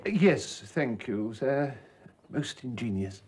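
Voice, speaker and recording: An actor playing a formal, measured and deferential English valet. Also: male voice, medium pitch, lively intonation, darkish tone, breathy edge. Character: unflappable, dignified gentleman's valet.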